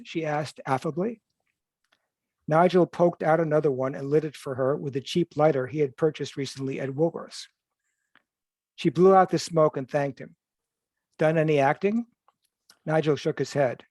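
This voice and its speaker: A man reads from his own novel at a measured, even pace, now and then correcting a word. His voice sits a little high for a man. The sound is dry and close, with no room around it. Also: dry recording. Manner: measured, even reading with occasional self-corrections. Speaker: author. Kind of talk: reading aloud from his novel. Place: livestream reading.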